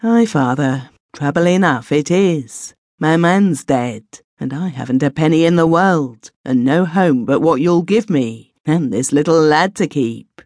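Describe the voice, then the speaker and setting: A woman's voice: sits low, lively intonation, a little slow, hardly any pauses, darkish tone, no echo, clean studio sound. A woman voicing a young widowed mother in a storybook, talking earnestly in rustic country dialect. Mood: sorrowful. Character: young widowed mother, humble, pleading daughter.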